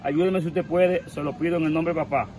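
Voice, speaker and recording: This fairly high, steady, slightly mellow male voice belongs to a Dominican-accented man in his forties who talks a little fast. He pleads emphatically and gestures during a street interview filmed outside on a nearby handheld camera, with slight background noise.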